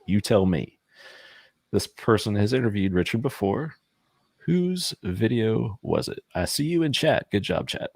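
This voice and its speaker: Upbeat male host, low voice, dry close sound. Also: lively intonation, a little slow, creaky, darkish tone, slightly rough, no echo. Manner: upbeat quiz-master, laughs often. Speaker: host running trivia. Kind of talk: casual live-stream chat.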